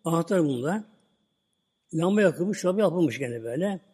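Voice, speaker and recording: A man gives a storytelling sermon in a husky, breathy voice that sits a little high yet sounds mellow. He retells the tale at an easy pace and ends his phrases with a habitual filler. His voice rings out with a long reverb, as if recorded in a large hall. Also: normal speed. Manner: relaxed retelling, "böyle" at line ends. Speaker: preacher. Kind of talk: religious talk with storytelling.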